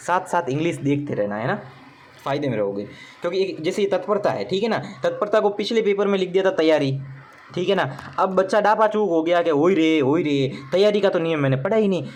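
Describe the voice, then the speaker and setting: A man's voice: fairly high pitch, a little hiss or hum. A young man, teaching through an exam paper in a chatty, joking way, often checking in with his students. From Rajasthan, India. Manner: chatty, joking asides, repeats "theek hai na". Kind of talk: recorded exam paper walkthrough.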